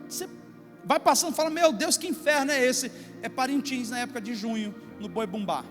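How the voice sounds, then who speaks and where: A man with a Brazilian Portuguese accent preaching a sermon in a church, telling a story and acting out its scenes. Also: very high voice. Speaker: pastor. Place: church sanctuary. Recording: reverberant church hall with faint music.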